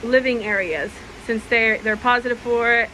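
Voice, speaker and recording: Higher-voiced woman asking casual questions. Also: fairly even intonation, moderate pace, sharp tone, slight background noise, low-quality recording. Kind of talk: casual chat.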